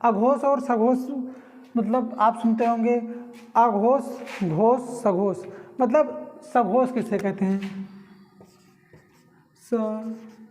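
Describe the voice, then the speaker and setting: A woman teaching Hindi grammar, explaining consonant types and slowly sounding out syllables to demonstrate them. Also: on the high side, darkish tone. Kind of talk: classroom-style lesson explaining consonants.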